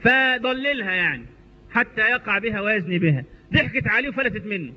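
A man's voice: high-pitched, lively intonation, brisk. A man with an Egyptian accent preaching a sermon, telling stories animatedly with colloquial asides. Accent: Egyptian Arabic. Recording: echoey hall, dull lo-fi sound.

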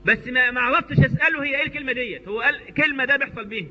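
A man with an Egyptian accent preaching a sermon, animated and storytelling, with asides to the listeners, in a muffled recording with long hall reverb. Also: extremely high pitch, racing. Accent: Egyptian Arabic.

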